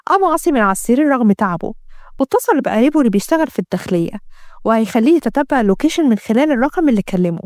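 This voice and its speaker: A woman with an Egyptian accent narrating a scripted story in a brisk, steady way. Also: on the high side, no echo, studio quality. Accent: Egyptian Arabic.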